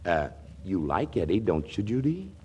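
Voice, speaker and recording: A man playing a scheming, theatrical talent boss, hammy and smooth-talking in old-time comedy. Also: low voice, sing-song, normal speed, a little mellow, highs cut off, full character voice. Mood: wheedling.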